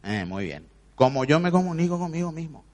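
A man's voice: a little high, big pitch swings, a little fast, darkish tone, long reverb tail. A man with a Rioplatense Spanish accent giving an emphatic spiritual motivational talk, speaking familiarly straight to the listener.

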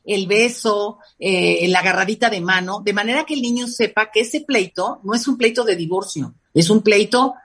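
A woman with a Mexican accent, a guest expert talking about family life in an animated, expressive way. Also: mid-range voice, normal speed, few pauses, breathy edge. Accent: Mexican Spanish. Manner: animated, acts out quoted parents in lively voices. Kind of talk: conversational interview.

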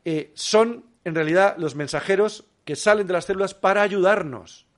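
Male guest, slightly high pitch, lively explainer full of rhetorical questions. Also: moderate pace. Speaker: guest biologist. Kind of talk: casual explanatory interview talk.

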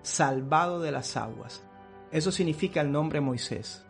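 High, gravelly male preacher telling a story. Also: a little slow, soft background music. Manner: theatrical, expressive storytelling. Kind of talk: dramatized sermon storytelling.

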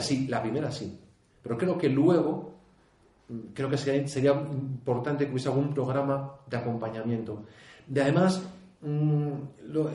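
Castilian priest, conference speaker; earnest, halting restarts, mellow tone, echoey hall. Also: male voice, mid-range voice. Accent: Castilian Spanish. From Spain. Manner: earnest, frequent restarts, rhetorical questions and tag "¿eh?". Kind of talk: conference talk.

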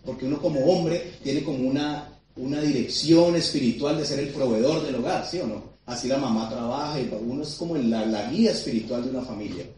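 Excitable man in an echoey hall. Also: mid-range voice, a little hiss or hum. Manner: fast, excitable storytelling with audience questions. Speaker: motivational speaker at a sales seminar. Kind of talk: storytelling seminar talk. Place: large seminar hall. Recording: very echoey hall, mic at a distance.

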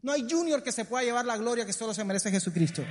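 A Colombian man preaching a sermon in a church hall, animated and lively. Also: very high voice, fast, heavy background noise. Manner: animated, acts out comic voices. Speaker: pastor. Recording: long hall reverb.

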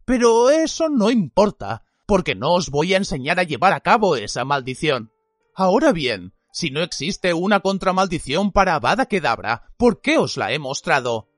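A grizzled old wizard teacher growls his warnings, as a man acts him out. His lively voice swings hard between a low rumble and sharp emphasis. A dry, close recording with faint music behind the storybook reading. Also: normal speed, no echo. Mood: stern lecturing. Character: grizzled gruff old male wizard teacher, stern and watchful. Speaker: voice actor in an audiobook.

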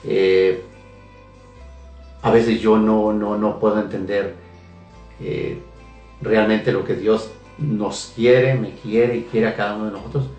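Slow and marked by long pauses, this man's low, darkish voice holds a fairly even intonation, and the audio is dull. He is a radio talk show guest giving an emotional faith testimony, earnest but hesitant and repetitive. The room echoes, he sounds far off, and faint music plays.

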